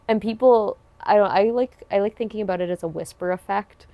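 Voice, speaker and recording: A woman hosts a podcast in a warm, medium-pitched voice, talking a little fast with no room sound. Her casual interview chat is earnest and supportive, spun out in long, winding sentences.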